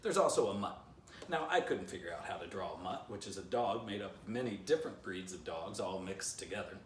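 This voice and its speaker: Deep-voiced and animated, a man in his fifties reads his own children's book fairly quickly, breaking off for playful chats with young listeners. By an indoor living-room fireplace, a camera a few feet away catches a roomy, slightly distant home recording with a faint hiss or hum.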